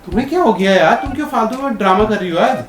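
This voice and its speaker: Rapid-fire and pitched high with lively intonation, a man keeps pressing his wife over what happened during a casual domestic quarrel that's actually a staged prank. The room echoes and music plays beneath his argumentative questioning.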